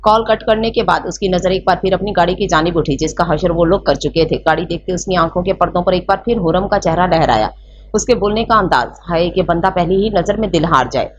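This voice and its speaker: A woman reading a romance novel aloud in a steady, measured way. Her voice sits on the low side. The recording is slightly dull with a faint hiss behind. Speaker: narrator. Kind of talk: scripted audiobook narration of a romance novel.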